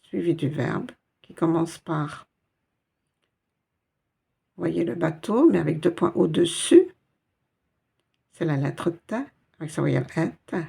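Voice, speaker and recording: Slow, gravelly-voiced woman teaching reading. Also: low voice, very animated, warm tone. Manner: slow, patient, spells out letters and sounds. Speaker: Arabic teacher. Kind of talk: step-by-step reading lesson.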